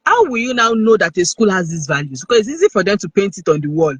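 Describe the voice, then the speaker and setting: A man's voice: sits high, very animated, fast talker, a bit bright, breathy edge, low-quality recording. A man with a Nigerian accent speaking as a guest on a video-call live stream, earnest and conversational, often checking in with the listener. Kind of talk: casual live-stream talk.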